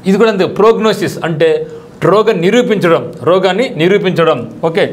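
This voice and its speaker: A man's voice: high-pitched, brisk. A male teacher who explains English vocabulary for an exam, asking rhetorical questions and mixing in casual local speech. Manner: explains English words in Telugu with colloquial asides and rhetorical questions. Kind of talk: exam-prep vocabulary lesson.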